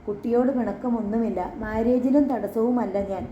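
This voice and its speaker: An earnest, remorseful older police officer in a storybook, read by a woman. The voice is mellow and dark, set in a roomy, slightly dull recording. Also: on the high side, steady tone, moderate pace, slight background noise, natural voice. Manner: earnest, explaining.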